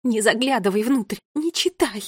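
Soft motherly little creature, done by a woman reader, pleading, high when upset. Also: animated, normal speed, breathy edge, no echo. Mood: soothing. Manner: soothing, then frantic. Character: gentle motherly Knix creature.

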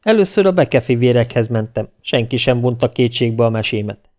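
A man's voice: medium pitch, expressive, darkish tone. A man reading a first-person audiobook in a wry storytelling manner. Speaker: audiobook narrator.

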